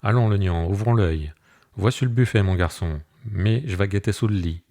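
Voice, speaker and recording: Casting: joking, blustering rural sergeant, swearing and teasing, played by a man with a deep voice. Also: moderate pace, dark tone, close to an everyday voice.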